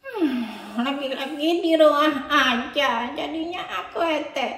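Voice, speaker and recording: A woman's voice: high-pitched, slow, a bit bright, voice pushed up, full character voice. A woman voicing a bored, whiny little boy who complains and keeps repeating himself, in a children's church skit. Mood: sulky. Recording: roomy echo.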